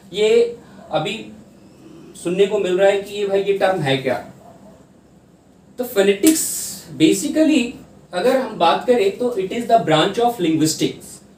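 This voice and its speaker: A man's voice: sits high, a little mellow. A man teaching an exam-prep English class in mixed Hindi and English, explaining step by step and sounding out words syllable by syllable. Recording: roomy echo, distant mic, faint hiss.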